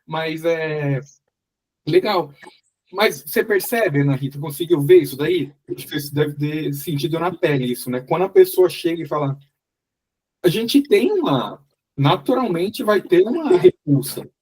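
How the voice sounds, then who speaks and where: Husky-voiced Brazilian man, rambling. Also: a little high, expressive, darkish tone. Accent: Brazilian Portuguese. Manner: rambling, repeats words, quick laughs. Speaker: mentor. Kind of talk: casual group mentoring chat.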